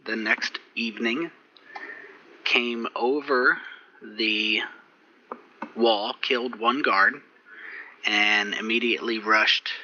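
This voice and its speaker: Game master, male, bright forceful tone, slightly low voice, casual rambling recap, muffled voice chat sound. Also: slight background noise. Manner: relaxed, rambling with fillers and restarts. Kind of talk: recapping and running a tabletop game.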